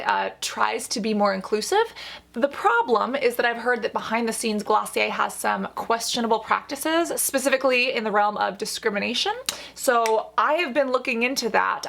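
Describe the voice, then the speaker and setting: A woman with a fairly high voice and a noticeable creak gives chatty reaction commentary. She is playful and emphatic, freely sharing opinions as a skincare host. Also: fairly bright tone. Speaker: esthetician reviewing skincare as host.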